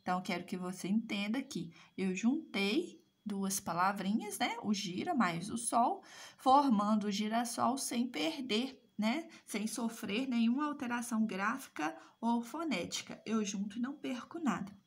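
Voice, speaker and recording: Husky woman teaching a language lesson. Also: a little high, animated, a little slow. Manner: explanatory, asks "certo?" and "né?" again and again. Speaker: Portuguese teacher. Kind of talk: recorded class lesson.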